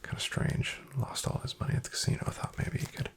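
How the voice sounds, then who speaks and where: Guarded yet confiding, a man voices a shifty card dealer from a back alley for ASMR, his natural voice half-whispered, creaky and gravelly. His patter stays clipped and unhurried throughout the soft-spoken roleplay.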